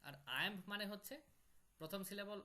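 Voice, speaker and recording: A man's voice: high voice, fast, bright, forceful tone. A man teaching an online poetry class, explaining step by step and repeating key terms.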